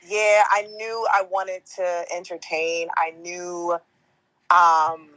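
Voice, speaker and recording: Despite a rough recording, you can hear a young podcast host's deeper natural voice come across bright and forceful, with little pitch movement and a slow pace. She's a talkative entertainment host who laughs a lot and tells stories in slangy, casual interview chat.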